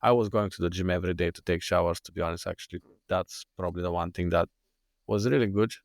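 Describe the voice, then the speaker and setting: Deep, flat-voiced Bulgarian man. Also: no room sound, studio quality. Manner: earnest, halting, many restarts. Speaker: guest, fitness coach. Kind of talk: podcast interview.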